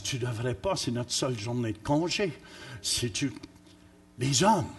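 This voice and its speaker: Male pastor, husky and high, emphatic preacher who teases the congregation. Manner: emphatic, teasing, rising to shouts. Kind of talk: sermon. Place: church.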